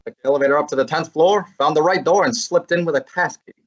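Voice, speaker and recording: A student actor with a mid-range, fairly everyday-sounding voice talks fast as a wisecracking male assistant detective in an old-time radio drama. His delivery is brash and full of slang. The lo-fi recording sounds slightly dull.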